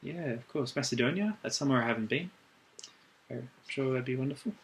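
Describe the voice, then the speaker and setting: A man performs an ASMR role-play as a helpful librarian, speaking at a middling pitch. He chats gently and takes his time as he recommends things. There is clear background noise with clicking sounds. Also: lively intonation, a little fast.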